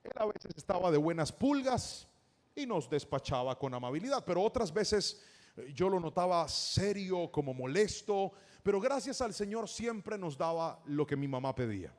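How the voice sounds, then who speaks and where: A pastor preaching to his congregation, his voice pitched high. He tells his stories with emphasis and calls on the listeners to answer him back. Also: big pitch swings, normal speed. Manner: storytelling preacher, emphatic with call-and-response. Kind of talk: sermon.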